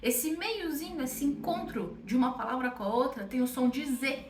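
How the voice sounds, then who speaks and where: A woman's voice: high-pitched, moderate pace, far from the mic. A young Brazilian woman with a Brazilian Portuguese accent, teaching an online French lesson in a chatty, encouraging way and checking in with "ok?" often. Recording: echoey room, voice off-mic.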